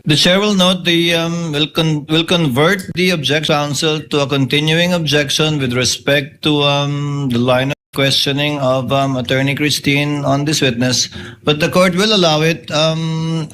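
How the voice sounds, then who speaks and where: A man with a Filipino accent giving formal rulings as presiding officer, halting and hesitant as he speaks. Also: a little high, steady tone, a bit bright, slight background noise.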